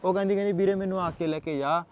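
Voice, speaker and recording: An actor playing a calm elder brother who reassures his upset sister and plays down the quarrel. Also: high voice, racing, muffled recording, close to an everyday voice. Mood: dismissive. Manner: reassuring, placating. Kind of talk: film drama dialogue.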